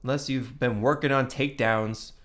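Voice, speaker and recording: A man's voice: medium pitch, steady tone, normal speed, fairly bright tone. Heated, swearing man breaking down fights. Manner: heated and profane, lots of "come on now" and "you know what I mean". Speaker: host of a fight picks channel. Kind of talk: casual fight predictions.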